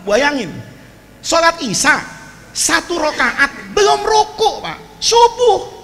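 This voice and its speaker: A man's voice: very high voice, takes it slowly. A man preaching a humorous sermon, telling stories with jokes and asides to the congregation. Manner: animated storytelling with jokes, frequent asides to the audience. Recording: reverberant hall, faint ambient noise.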